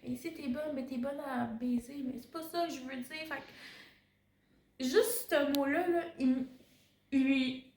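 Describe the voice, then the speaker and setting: A woman's voice: high-pitched, a little slow, a little hiss or hum. Roomy-sounding young Québécois woman. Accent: Québécois French. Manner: hesitant, searching for words, many fillers. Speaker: student teacher. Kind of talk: casual reflective chat. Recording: roomy echo.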